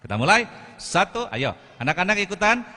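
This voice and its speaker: A man gives a lively motivational talk. He coaches the audience through breathing exercises and adds frequent Islamic interjections. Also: sits high, fairly quick. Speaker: motivational speaker. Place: TV studio with a live audience. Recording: live TV studio broadcast with reverb.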